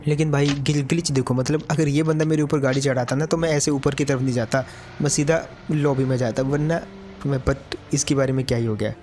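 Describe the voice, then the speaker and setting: Fast-talking man narrating gameplay. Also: medium pitch, steady tone, a little mellow, slight background noise. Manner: chatty, addresses viewers as brother. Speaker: gaming YouTuber. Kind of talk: gameplay commentary.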